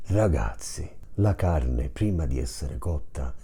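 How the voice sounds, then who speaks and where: A man's voice: a bass voice, animated, takes it slowly, creaky, over loud music. A man with a Sicilian accent giving casual cooking tips in a colloquial, playfully dramatic manner.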